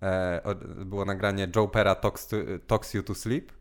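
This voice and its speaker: A man's voice: low-pitched, little pitch movement, moderate pace, smooth. A man in casual podcast chat who rambles, loses his thread and mixes in English words.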